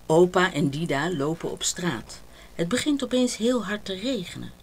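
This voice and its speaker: A woman reading a children's picture book aloud, with slow, gentle, expressive narration. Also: fairly low pitch, husky. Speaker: storybook reader.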